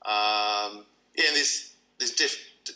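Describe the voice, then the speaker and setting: Bright-voiced New Zealand man, hesitant. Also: lowish voice, slow, rough recording. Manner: thoughtful, hesitant with many ums and restarts. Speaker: kirtan teacher. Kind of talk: interview answers.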